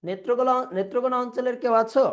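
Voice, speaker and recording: A man's voice: very high voice, steady tone. Male teacher drilling pronunciation. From Bangladesh. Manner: slowly drills word pronunciations, repeating words; quizzes students and reads their chat replies. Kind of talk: online revision class. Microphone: video call.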